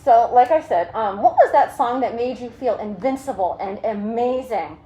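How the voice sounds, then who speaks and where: A woman's voice: a little high, lively intonation, normal speed, mellow, poor audio. A woman hosting a casual live video chat through a mask and face shield, rambling along with jokey asides. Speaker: livestream host.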